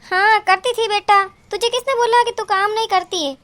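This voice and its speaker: A woman's voice: very high voice, steady tone, normal speed, fairly bright tone. A woman voicing a middle-aged cartoon mother who dotes on her daughter and scolds her daughter's in-laws indignantly. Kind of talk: cartoon voice acting.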